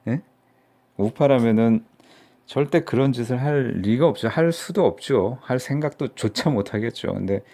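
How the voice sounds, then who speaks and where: This political YouTuber, a middle-aged Seoul man, speaks in a mellow, medium-pitched voice. On his channel he mocks politics in a casual, rambling way, packed with filler words.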